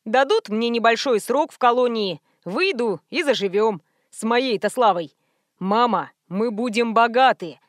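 A woman's voice: fairly high pitch, lively intonation, a little slow, no echo. Teen boy killer, boastful and callous, read by a woman narrator, dry close audiobook sound. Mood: smug. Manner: smug, cheerfully callous.

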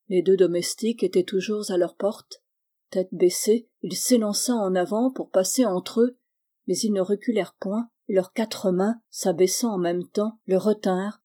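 Woman reading an old novel aloud, warm mellow voice, steady pace. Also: mid-range voice. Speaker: audiobook reader. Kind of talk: scripted narration.

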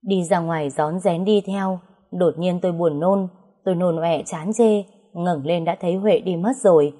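A woman narrating a story in a brisk, lively reading, switching voices for the characters. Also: fairly low pitch.

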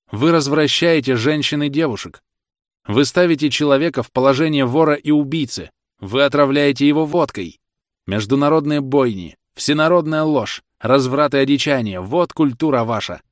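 An actor reading an audiobook, playing a fiery young male defendant who shouts passionate accusations in court. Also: mid-range voice, moderate pace, no room sound, studio quality, voice pushed up, close to an everyday voice. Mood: furious.

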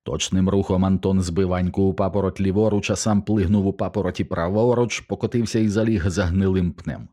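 Deep dark-voiced male narrator. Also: steady tone, a little fast, few pauses. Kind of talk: audiobook narration.

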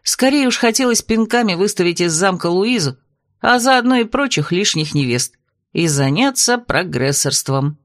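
A woman's voice: medium pitch, lively intonation, normal speed, no echo, clean studio sound. Woman reading a wry first-person audiobook. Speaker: audiobook narrator.

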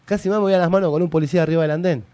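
Fast-talking Argentine radio host. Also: male voice, fairly high pitch, no echo. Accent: Argentine Rioplatense Spanish. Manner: animated, slangy, acts out both sides of quarrels. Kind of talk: casual storytelling on radio.

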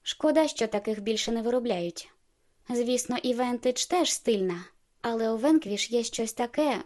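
Woman reading a friendly young girl in a storybook, highish voice, playful and teasing. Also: moderate pace, a little mellow, lightly acted.

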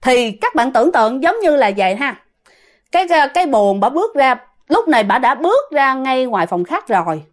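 A woman's voice: high voice, sing-song, fairly quick. A woman with a Southern Vietnamese accent telling a ghost story casually, often addressing her listeners directly.

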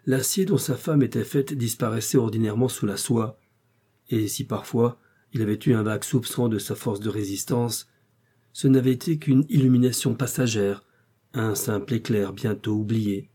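A man narrating a classic novel as an audiobook, reading in a measured, literary way. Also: mid-range voice, warm tone, slightly rough.

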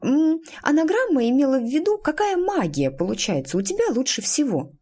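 A woman voicing a timid, hesitant young witch girl in an audiobook reading, speaking haltingly with filler hums. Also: high-pitched, expressive, vocal fry, warm tone, voice pushed up. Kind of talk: audiobook character voice.

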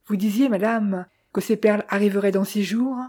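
A woman's voice: medium pitch, fairly even intonation, normal speed, mellow, natural voice. A woman reading as an oily, cold secretary. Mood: unctuous. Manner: unctuously polite.

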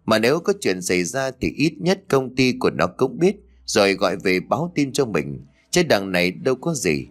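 A man voicing an anxious, guilt-ridden middle-aged father who pleads gruffly under strain. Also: on the low side, big pitch swings, normal speed. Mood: self-soothing.

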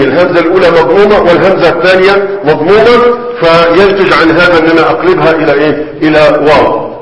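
A man's voice: fairly high pitch, a bit bright. A man with an Egyptian Arabic accent teaching grammar in a conversational classroom lecture, often checking in with his students. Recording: echoey hall, faint background noise.

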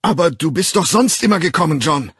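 Male narrator doing a high, loud, begging young man in an audiobook; husky edge. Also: lively intonation, a little fast, dry recording, exaggerated voice. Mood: desperate pleading. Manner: shrill, loud and pleading. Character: anxious pleading young man, high-strung.

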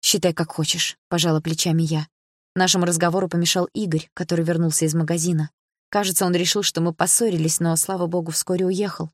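Woman reading an audiobook, lowish voice, steady, dry close mic. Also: fast talker, dry recording. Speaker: audiobook narrator. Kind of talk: scripted first-person audiobook narration.

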